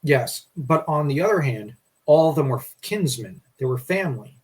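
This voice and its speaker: A man's voice: on the high side, expressive, moderate pace, darkish tone, slightly rough. A man co-hosting a casual history discussion, rambling and restarting his sentences. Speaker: podcast co-host.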